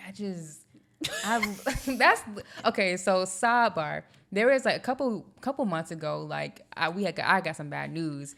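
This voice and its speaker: A woman's voice: lowish voice, animated, measured pace, creaky, fairly bright tone. A young woman, co-hosting a podcast in casual chat, storytelling animatedly and laughing often. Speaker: podcast co-host.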